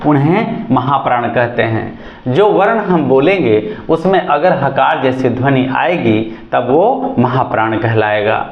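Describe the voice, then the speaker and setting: A man's voice: mid-range voice, animated, measured pace. A man teaching a lesson, repeating each definition and asking and answering his own questions. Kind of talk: classroom lesson. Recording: echoey room, dull sound.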